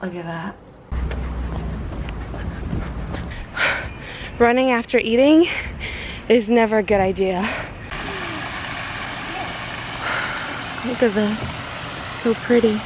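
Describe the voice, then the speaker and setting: A woman's voice: a little high, normal speed, noisy background. A young woman talking casually to a handheld camera as she vlogs her day, rambling with lots of fillers. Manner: chatty, rambling, many "like" and "um" fillers. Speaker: vlogger. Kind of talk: casual daily vlog narration.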